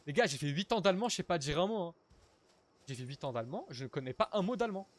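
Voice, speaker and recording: Chatty young French gaming streamer. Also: male voice, fairly high pitch, expressive, fast. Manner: chatty, talks to chat, casual swearing. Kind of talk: casual live gameplay commentary.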